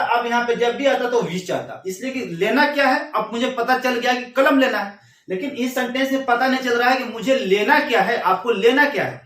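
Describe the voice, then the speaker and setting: A man teaching an English grammar lesson, who reads each example slowly and then explains it again in Hindi. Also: very high-pitched, a bit bright, echoey room, far from the mic.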